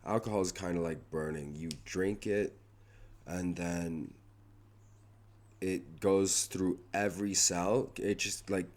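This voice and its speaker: A young man rambling through a personal vlog update, halting and restarting often, his voice going hoarse. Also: sits low. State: losing his voice. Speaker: vlogger.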